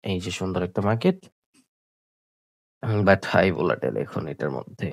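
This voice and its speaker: A sick, coughing man, talking slowly through live trades on screen and repeating his points, mixing in English words. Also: deep voice, sing-song, gravelly, no echo. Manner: slow, repetitive explaining with English words mixed in. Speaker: trading tutor. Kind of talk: live trading screen commentary.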